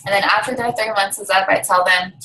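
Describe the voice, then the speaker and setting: A woman's voice: medium pitch, steady tone, fast, bright, forceful tone, slight background noise, rough recording. A young woman on a video call, chatting in an upbeat way as she explains how she follows up with customers for her sales team. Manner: chatty and upbeat, walks through her routine step by step. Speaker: network marketing distributor and team leader. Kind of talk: casual video call interview.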